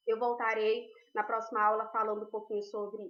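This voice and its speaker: A woman's voice: a little high, flat delivery, a little fast. Woman teacher, roomy lo-fi sound. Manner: patient, explains step by step, checks in often. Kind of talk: recorded online class. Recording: roomy, dull lo-fi.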